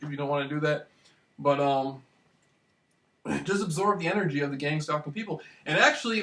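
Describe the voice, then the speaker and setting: A young man from Michigan telling a rambling, excitable story in a casual monologue, swearing now and then. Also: fairly high pitch. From Michigan, USA. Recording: voice distant from the mic.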